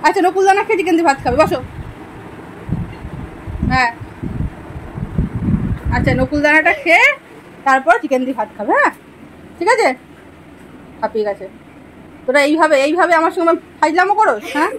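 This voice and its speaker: High bright-voiced woman sweet-talking and scolding her dogs at home, bit of faint noise. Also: expressive, brisk, pauses often, rough recording. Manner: coaxing, scolding baby talk to pets. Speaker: pet owner vlogger. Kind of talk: casual talk to her pets.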